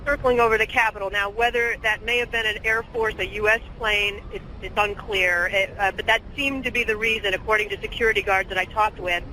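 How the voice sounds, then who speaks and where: A woman reporting live from outdoors in a steady, plain way with small hesitations. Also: medium pitch, fairly quick, few pauses, slight background noise, rough recording. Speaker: field reporter. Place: outdoors near a government building.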